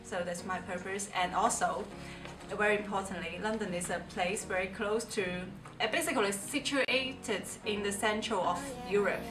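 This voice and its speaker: Earnest woman from China, echoey. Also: mid-range voice. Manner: earnest, halting with fillers. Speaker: interviewee. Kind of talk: documentary interview. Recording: echoey room, distant mic, music bed.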